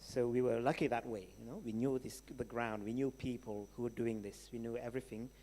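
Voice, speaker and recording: Man, Senegalese accent, keynote speaker, middle-pitched voice, emphatic and conversational, long hall reverb. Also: fairly even intonation, brisk, dark tone. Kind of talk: keynote question-and-answer talk. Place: large hall at a live event.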